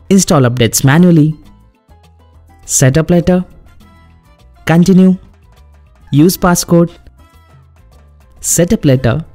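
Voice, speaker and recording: A man hosting a step-by-step phone tutorial as a voice-over, giving plain, brisk instructions. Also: a little high, mellow. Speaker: tech tutorial host.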